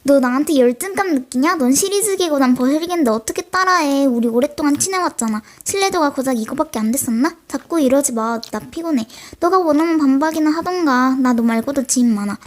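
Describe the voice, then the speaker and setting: A woman's voice: high-pitched, fairly quick, hardly any pauses. A teenage girl with a mild sore throat, playing a livestreamer who chats with and scolds imagined viewers in a scripted role-play. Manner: talks straight to imagined chat viewers, scolding and chatty. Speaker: solo role-play creator.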